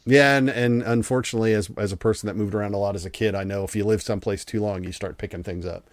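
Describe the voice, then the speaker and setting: A man's voice: fairly low pitch, fairly even intonation, fast, dry recording, clean studio sound. A man with an American accent hosting an interview, chatty and rambling with frequent restarts. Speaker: podcast host. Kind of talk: casual interview chat.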